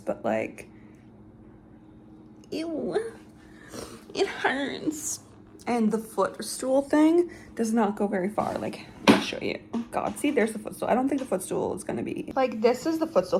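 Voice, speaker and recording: A woman's voice: a little high, darkish tone, a little hiss or hum. A young woman vlogging casually at home, rambling through a story with lots of "like" and restarts. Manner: rambling, filler-heavy storytelling with frequent "like". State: out of breath. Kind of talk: casual vlog chat. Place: home, basement apartment.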